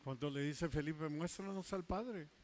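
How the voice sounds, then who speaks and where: A male pastor preaching a sermon, emphatic, stretching key words slowly and dropping into quiet asides. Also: on the high side.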